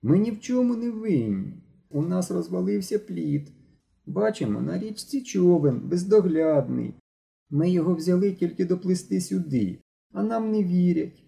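A man's voice: high voice, animated, moderate pace, gravelly, warm tone, voice pushed up, exaggerated voice. A male reader voicing a nervous teenage boy who speaks in a trembling, whining way.

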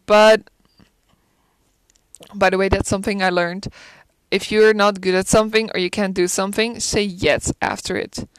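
A woman's voice: medium pitch, clear, resonant tone, no echo. Chatty woman rambling about a movie, lots of likes and ums, dry close mic. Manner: chatty, animated, frequent fillers and asides. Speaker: film commentator. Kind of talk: casual solo chat.

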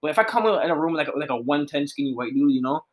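A young man co-hosting a casual livestream chat, animated and slangy, tacking "bro" onto his lines. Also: on the high side, very fast.

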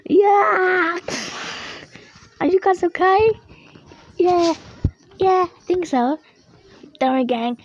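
A woman voicing an eager, excitable cartoon hero kid in a dopey bellow, reading a children's storybook aloud. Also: very high-pitched, a little slow, long pauses, voice pushed up. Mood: excited, heroic. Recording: dull, roomy lo-fi recording.

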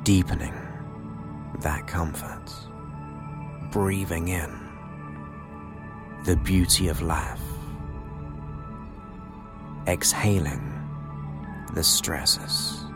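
A man with a deep voice leads a guided meditation. He speaks very slowly and soothingly, placing short phrases between long pauses. New-age music plays clearly behind him. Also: steady tone. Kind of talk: guided relaxation hypnosis narration.

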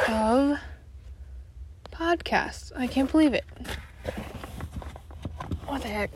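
Young woman, higher-pitched and unhurried, rambling casually as a scatterbrained solo podcast host. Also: a little mellow, a little hiss or hum. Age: young adult. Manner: scatterbrained, self-interrupting, apologetic. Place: bedroom at home.

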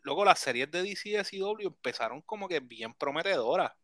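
Young man, bright voice, dry close sound, animated laughing chat. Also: fairly high pitch, a little fast, no echo. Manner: animated, laughing, mixes English. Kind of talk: casual chat.

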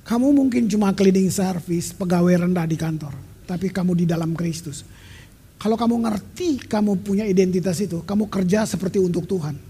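A man's voice: sits high, fairly quick, dark tone, breathy edge. A middle-aged man preaching a sermon as pastor, talking emphatically and conversationally and dropping in English phrases. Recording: long reverb of a large hall.

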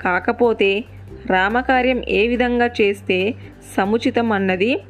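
A woman's voice: fairly high pitch, a little slow, soft background music, lightly acted. A woman narrator voicing a grieving captive queen, devoted and resolute, in a sorrowful yet firm way.

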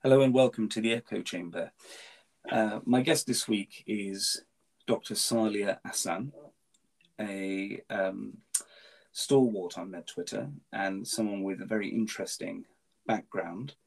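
Poor audio captures a male podcast host, a native Farsi speaker, conducting a casual interview in a fairly low, gravelly, somewhat mellow voice. He talks a little slowly and stumbles with frequent ums and restarts.

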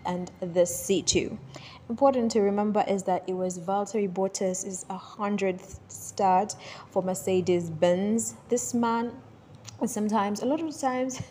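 A woman's voice: medium pitch, warm tone, slight background noise. A woman hosting a casual motorsport recap, chatty and unscripted, often laughing and stopping to search for names. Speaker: Formula One recap host.

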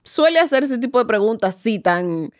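A woman's voice: fairly high pitch, sing-song, normal speed, no room sound, studio quality. A woman hosting a podcast in casual chat, teasing her co-hosts and steering the episode. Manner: teasing, wraps up the episode, playful jabs. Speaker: podcast host.

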